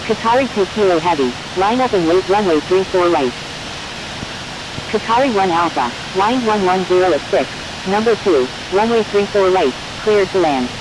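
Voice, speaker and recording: A woman plays a formal flight simulator radio operator, using clipped, procedural cockpit-headset phraseology in the manner of an air traffic controller or pilot. She speaks at normal speed with long pauses and a lightly acted delivery, over a clear, steady hiss and rumble.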